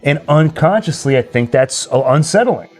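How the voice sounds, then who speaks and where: Over background music, a man hosting a live stream enthusiastically and casually discusses films and reads out comments from viewers. His voice is on the high side, darkish in tone and expressive, at a moderate pace.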